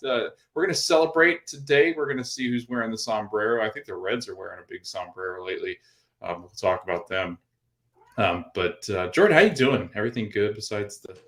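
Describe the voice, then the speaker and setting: A man's voice: on the low side, fairly quick, a bit bright. A man hosting a baseball podcast in casual chat, rambling with lots of fillers and restarts. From Florida. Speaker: podcast host.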